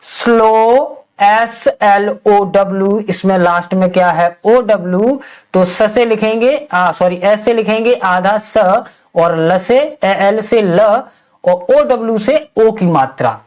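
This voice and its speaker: Woman teacher, very slow and patient, spells words out letter by letter, mid-pitched voice. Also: expressive, a little mellow. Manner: spells out letters slowly, asks and answers own questions. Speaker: English teacher.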